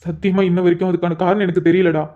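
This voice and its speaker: A man's voice: high-pitched, flat delivery, fast talker, close to an everyday voice. A man playing a frantic, pleading police officer. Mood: tearful. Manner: pleading, stammering when upset. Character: anxious lovesick police officer, brother-in-law. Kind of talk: storybook cartoon voice acting. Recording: dull lo-fi sound.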